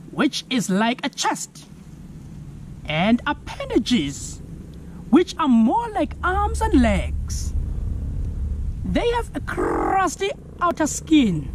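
Standing on a lawn, a South African man in his thirties teaches kids about science as an environmental educator. His delivery is slow and clear with a bouncing, animated pitch, he stops so viewers can spell new words, and the camera-mic recording carries faint outdoor noise.

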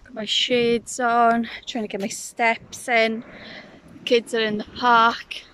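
A woman's voice: fairly high pitch, little pitch movement, slow, a bit bright, clear, resonant tone. A woman, chatting casually in a day-in-the-life vlog, rambling and correcting herself. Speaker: vlogger. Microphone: phone at arm's length.

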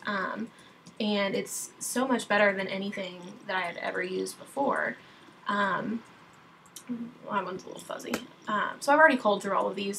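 A woman's voice: mid-range voice, a bit bright, slight background noise, poor audio. Chatty young woman giving a screen tutorial. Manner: chatty, many ums and restarts, self-correcting. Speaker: wedding photographer teaching software. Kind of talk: casual screen-recorded tutorial. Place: at her computer, screen recording.

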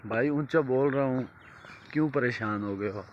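A man's voice: mid-range voice, moderate pace, muffled recording. Young male vlogger, Punjabi-accented, teasing and chatty; phone at arm's length outside, with plain rural background noise. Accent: Pakistani Punjabi. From Pakistan. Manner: teasing, talks to camera while walking. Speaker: vlogger host. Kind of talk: casual vlog chat. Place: outdoors on a village path among fields. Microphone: phone camera at arm's length.

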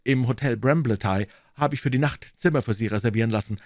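A man voicing a stern young male police inspector who questions with sharp demands, in a storybook reading. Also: mid-range voice, fast talker, no echo, studio quality, voice pushed up, close to an everyday voice. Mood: curt.

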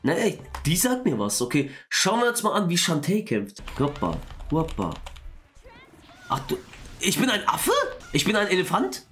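Excitable young German gamer. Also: male voice, sits high, soft background music. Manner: excitable, quick exclamations and swearing. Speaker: gaming YouTuber. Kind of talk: excited let's-play commentary.

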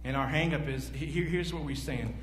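A man's voice: on the high side, a little fast. A man in his forties, a pastor preaching a sermon to his congregation and asking them questions as he moves around a large church stage. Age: 40s. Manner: animated, pacing the stage and gesturing. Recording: echoey hall, faint hum.

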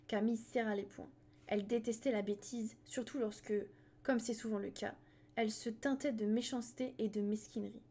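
A woman reading a novel aloud on a live stream, unhurried, pausing to correct her slips. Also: fairly high pitch, warm tone.

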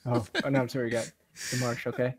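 A man playing a tabletop game as the dark overlord over voice chat. He jokes in a mock-bossy way. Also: mid-range voice, level tone, quick pace. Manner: playful, mock-bossy, laughs often. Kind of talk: casual in-character game banter.

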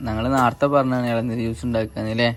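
A man's voice: medium pitch, level tone, fast. A man with a Malabar Malayalam accent narrating a casual family vlog, chatting and playfully teasing a small child. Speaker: family vlogger. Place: outdoors, moving between shops and home. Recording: noisy outdoor phone recording.

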